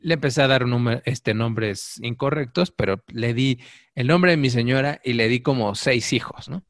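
A man's voice: medium pitch, moderate pace, no room sound. Man, Mexican accent, middle-aged, storytelling, casual podcast chat, dry close sound. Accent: Mexican Spanish. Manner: animated storyteller, acts out quoted voices.

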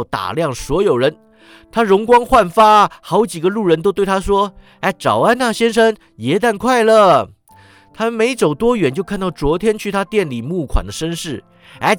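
A man narrating a classic story for a storytelling podcast, reading in a lively, expressive way. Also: high voice, dry recording.

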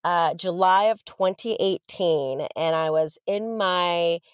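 Chatty woman guest, low dry voice. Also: slow, smooth, no echo. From Southern California. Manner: chatty, animated storyteller. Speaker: podcast guest. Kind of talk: casual interview storytelling.

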